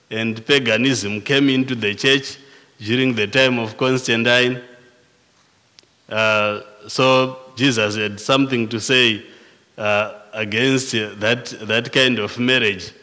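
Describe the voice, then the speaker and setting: A man with a Zimbabwean accent preaching a sermon, slow and deliberate, often restarting and repeating words as he goes. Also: mid-range voice, bright, forceful tone, in a large hall. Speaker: pastor.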